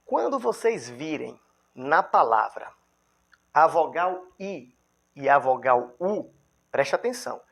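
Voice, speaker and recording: A man's voice: fairly high pitch, gravelly, breathy edge. A man with a Brazilian accent teaching a grammar lesson, who keeps checking in with the viewer and sounds out example words syllable by syllable. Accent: Brazilian Portuguese. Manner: lively, checks in with the viewer constantly; spells out examples slowly, syllable by syllable.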